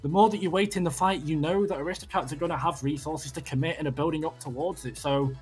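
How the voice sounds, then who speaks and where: A man casting a live esports match. He gets excitable, swears freely and sounds out of breath after a close finish. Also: fairly high pitch, fast talker, soft background music. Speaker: esports caster.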